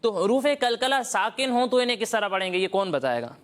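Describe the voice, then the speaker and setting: A Quran teacher leading a children's recitation lesson, patiently quizzing the pupils and slowly modelling each sound. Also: mid-range voice, very animated.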